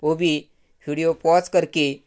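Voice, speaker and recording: A man's voice: a little high, little pitch movement, slow, smooth, no room sound, clean studio sound. A man teaching a Hindi grammar lesson, reading word lists aloud and repeating each point for students.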